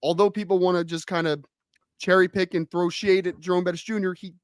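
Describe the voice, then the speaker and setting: Hoarse, energetic man hosting a sports show. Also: high-pitched, brisk, dry recording, clean studio sound. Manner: energetic, emphatic, hypes the audience. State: hoarse, slightly under the weather. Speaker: podcast host. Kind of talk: casual sports talk show.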